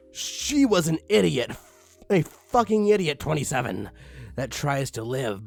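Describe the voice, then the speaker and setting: A channel host reads fan fiction aloud as comedic drama, theatrical and punctuated by exasperated asides. His voice sits on the high side and is a bit bright.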